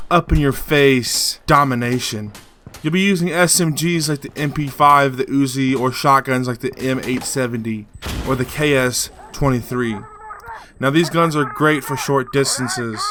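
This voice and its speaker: A man's voice: mid-range voice, noisy background. A man hosting a casual game tutorial voice-over, coaching beginners in a joking, hyped-up way. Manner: joking, hype-filled coaching. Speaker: gaming channel host.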